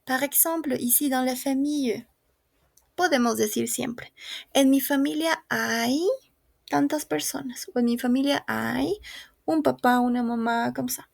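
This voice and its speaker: A woman leads a French lesson, patiently repeating each word for her students. Her voice sits a little high with a gravelly edge. The sound is dry and close. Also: measured pace, no echo. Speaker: French teacher. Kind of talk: online class, mixing French and Spanish.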